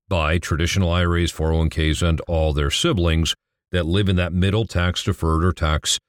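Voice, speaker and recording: A man's voice: deep voice, no echo, studio quality. A middle-aged man explaining retirement account taxes, emphatic and asking rhetorical questions that he answers himself. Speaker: financial educator. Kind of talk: explanatory financial talk.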